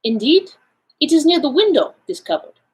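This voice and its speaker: A woman's voice: sits high, sing-song, moderate pace, pitched above the performer's own voice. A woman voicing a fussy elderly male Belgian detective in a storybook reading, with a raised, lilting, inquisitive delivery.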